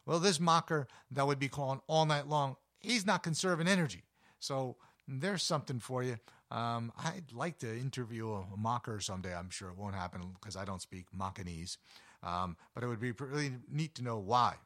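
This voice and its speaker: A man with a deep voice, hosting a nature show and chatting enthusiastically with frequent fillers. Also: normal speed, fairly bright tone. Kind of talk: casual talk about backyard birds.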